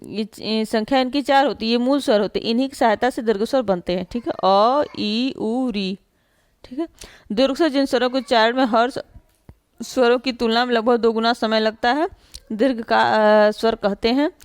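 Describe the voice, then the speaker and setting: Clear, higher-voiced teacher woman. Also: dry recording. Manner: explains slowly with many fillers and repeated "ठीक है" checks; draws out sounds when demonstrating pronunciation. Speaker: Hindi teacher. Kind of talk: classroom grammar lesson.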